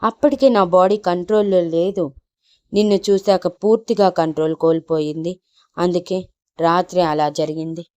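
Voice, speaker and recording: Woman narrator doing a young man in love, pleading, soft, lowish voice, smooth and clear. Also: steady tone, normal speed, lightly acted.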